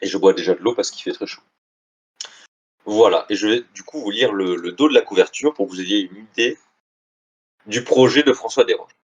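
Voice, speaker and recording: A man's voice: on the low side, fairly quick, pauses often, breathy edge, muffled recording. A man with a tired voice giving a live online lecture about a book, speaking hesitantly with frequent restarts and casual asides.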